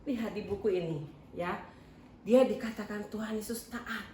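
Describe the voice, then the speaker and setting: A woman's voice: medium pitch, moderate pace, a little mellow, slight background noise. A woman leading a children's church service, telling a story from a picture book to the children. She talks, keeps asking the children questions and answers them herself. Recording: roomy echo, far from the mic, faint ambience.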